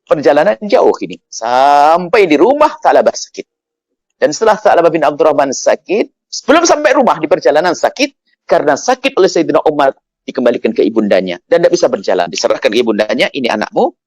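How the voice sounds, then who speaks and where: A man's voice: fast talker, no room sound. A man preaching in a storytelling sermon, acting out the dialogue of the people in his story. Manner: animated storytelling, acting out dialogue with pitch jumps.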